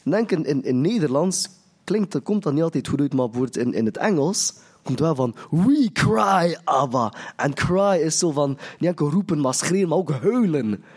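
Earnest preacher with a mellow voice. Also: male voice, fairly high pitch, animated, moderate pace, husky. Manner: earnest, restarts phrases, acts out quoted prayers. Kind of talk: sermon.

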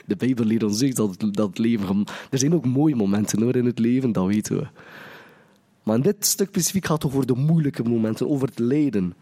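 A man's voice: medium pitch, fairly quick, dark tone. A man preaching a sermon in an earnest way, often restarting his phrases. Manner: earnest, restarts phrases, acts out quoted prayers.

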